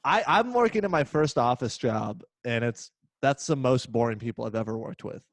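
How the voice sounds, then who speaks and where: Male host, mid-pitched voice, sardonic and profane, casual video-call chat with a dry sound. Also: expressive, moderate pace, dry recording. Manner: sarcastic, swears a lot. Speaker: podcast host.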